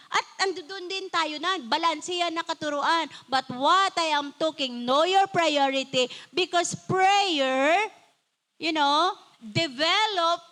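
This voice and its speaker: An older woman preaching a sermon in a Filipino accent, mixing in English and talking in an animated, conversational way. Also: extremely high pitch. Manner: switches between Tagalog and English, animated and conversational.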